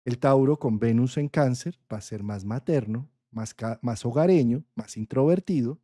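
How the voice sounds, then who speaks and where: A man with a Colombian accent talks through an astrology lesson in a relaxed, conversational way, pausing often to check that his listeners follow. His voice is mellow and warm, recorded close and dry with no room sound. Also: mid-range voice, no room sound. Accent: Colombian Spanish. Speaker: astrology teacher.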